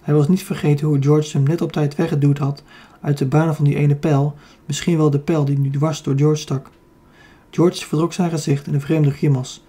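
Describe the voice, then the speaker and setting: A man's voice: fairly high pitch, level tone, normal speed, dark tone, slightly rough. A man with a Dutch accent narrating a children's fantasy audiobook, reading steadily with the odd slip and self-correction.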